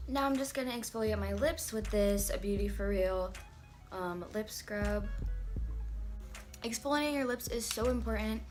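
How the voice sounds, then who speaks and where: Young woman, beauty vlogger, slightly high voice, rambling chatty delivery, casual tutorial, faint music behind. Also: a bit bright. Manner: chatty, rambling, heavy use of "like".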